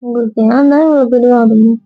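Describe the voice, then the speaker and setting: A woman acting as a gentle, coaxing wife in a homemade family drama, speaking softly with a slightly husky tone. The sound is muffled and dry. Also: fairly high pitch, steady tone, quick pace, no echo.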